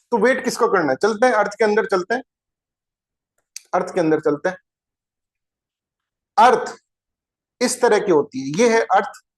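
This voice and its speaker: Guy teaching a geography class online, pretty high voice for a man, keeps checking if everyone gets it. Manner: asks the class rhetorical questions, chatty and informal. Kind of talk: recorded exam-prep lecture.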